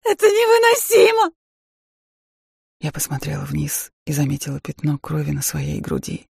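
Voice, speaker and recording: A woman reading a first-person audiobook in a measured, dramatic way. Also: deep voice, vocal fry, warm tone, husky, no echo, clean studio sound. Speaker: audiobook narrator.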